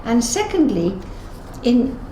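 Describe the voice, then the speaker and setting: A slow, sing-song, mellow and higher-pitched voice belongs to an elderly English woman in her eighties reminiscing off the cuff in an interview. She is a Holocaust survivor giving testimony, telling stories with self-corrections and acted-out exchanges, in a room with noticeable echo and clear background noise.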